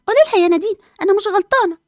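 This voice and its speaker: A woman's voice: extremely high pitch, rapid-fire, no room sound, studio quality. A woman voicing a sensible, studious schoolgirl twin with an Egyptian accent, lecturing her sister. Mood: indignant. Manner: indignant, lecturing.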